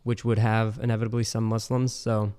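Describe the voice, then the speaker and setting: Smooth-voiced man hosting a casual podcast. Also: lowish voice, flat delivery, a little fast, darkish tone. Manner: conversational and explanatory, with frequent fillers.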